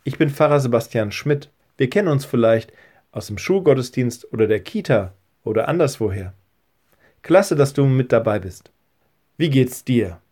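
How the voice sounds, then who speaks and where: Friendly pastor talking to children. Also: male voice, medium pitch, animated, normal speed, a little mellow. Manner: friendly, addresses children directly. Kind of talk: children's church audio and storytelling.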